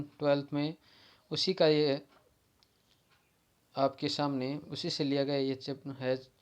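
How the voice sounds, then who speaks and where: A man teaching an exam-prep grammar lesson with a tinge. His voice sits a little high and stays fairly level in pitch. He repeats key terms and often pauses to restart a word.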